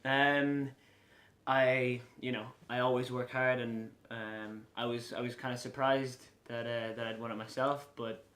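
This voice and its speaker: A man in his late twenties with a west of Ireland accent, answering casually in an interview with frequent pauses. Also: mid-range voice, little pitch movement, fairly bright tone. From Galway, west of Ireland. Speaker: lacrosse player being interviewed. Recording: echoey room with faint background noise.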